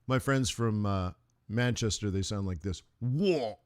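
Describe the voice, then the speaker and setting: On his live trading stream, an unhurried middle-aged man talks in a smooth, lowish voice. The chat is casual and meandering, with plenty of asides and laughter.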